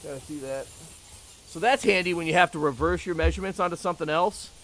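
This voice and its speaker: A man's voice: a little high, quick pace, a bit bright, slight background noise. A man chatting casually and talkatively, with joking asides, as he shows off things. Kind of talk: casual chat about tools.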